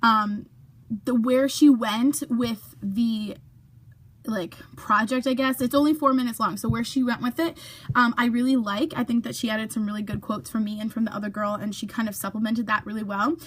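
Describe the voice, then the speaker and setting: In a steady, slightly high voice at a normal pace, a young adult YouTuber chats to the camera for her vlog, leaning on fillers and now and then lowering to a whisper for asides.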